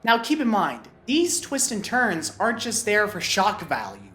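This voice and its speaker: A woman delivers a scripted film review with a lively, swooping voice, still rough from a cold. She slips in playful jokey asides. The room sounds echoey, with faint music underneath. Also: medium pitch, moderate pace. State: recovering from a cold.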